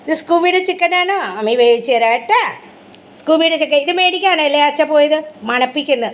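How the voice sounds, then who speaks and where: At home indoors, a woman pet vlogger films on her phone, talking to her dog in fond, sing-song baby talk with a high, brisk voice.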